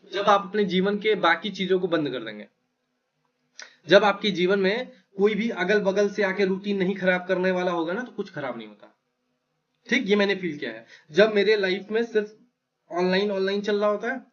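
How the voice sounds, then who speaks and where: A man's voice: sits high, a bit bright, dull audio. A man giving blunt, emphatic, brotherly study advice to exam students as their mentor. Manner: blunt, emphatic, brotherly, with frequent "right?" check-ins. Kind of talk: motivational advice talk.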